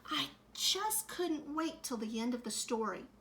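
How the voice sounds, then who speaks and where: A woman teacher in middle age reads a picture book aloud to young children. Her voice sits a little high and sounds bright, and she takes her time over every line. She stops now and then to talk gently to her listeners. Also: lively intonation, a little hiss or hum. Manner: slow, gentle storytime delivery with added comments to kids.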